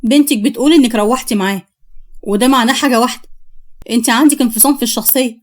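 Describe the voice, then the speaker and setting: Woman voicing a calm Egyptian male psychiatrist. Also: a little high, very fast, lightly acted. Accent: Egyptian Arabic. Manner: calm, steady, reassuring.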